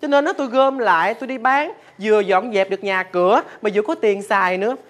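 In a rural family TV drama, a woman with a Southern Vietnamese accent plays a cocky, boastful young sibling, firing back with mock exasperation. Her medium-pitched delivery is fast and lightly acted.

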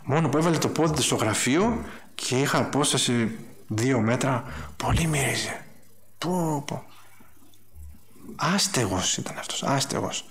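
A man delivering a sermon in a mid-range voice. He tells stories and acts out the characters' lines, lifting his voice for their speeches. The delivery is lively and expressive. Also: medium pitch, slight background noise. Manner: animated storytelling, acting out dialogue in a raised voice. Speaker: preacher.

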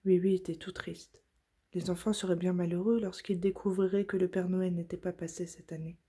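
A woman reading a children's story aloud in a soft, gentle voice, at times nearly whispering. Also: on the low side, level tone. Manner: soft, gentle and breathy, slow at tender moments.

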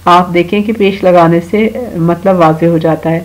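A woman from Pakistan giving a slow, patient online grammar lesson to children, talking to them directly and reciting verses now and then. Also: on the low side, steady tone, poor audio. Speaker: teacher.

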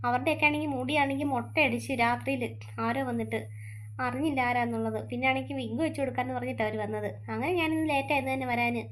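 A woman voicing a busy mother who runs a beauty parlour, talking in a brisk, chatty way. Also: high-pitched, steady tone, fairly bright tone.

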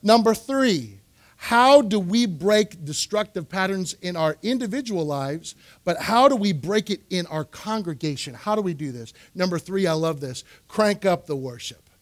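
A male pastor preaching a sermon in a church, repeating phrases for emphasis and swinging from quiet asides to loud exhortation. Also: high-pitched, sing-song, unhurried. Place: church sanctuary.

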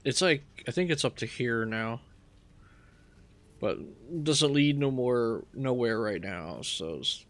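A man casually talking through his gameplay, relaxed and rambling as he thinks aloud. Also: medium pitch, slow. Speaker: gaming channel host.

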